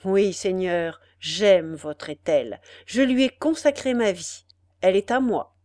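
A woman's voice: medium pitch, lively intonation, slow, warm tone. A woman voicing an earnest young nobleman in love, speaking eagerly in a storybook reading.

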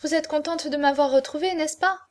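A woman's voice: high voice, brisk, pitched above the performer's own voice, lightly acted. A woman reading aloud, voicing an anguished, proud young woman with an intense manner in an audiobook. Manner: intense, pleading then haughty.

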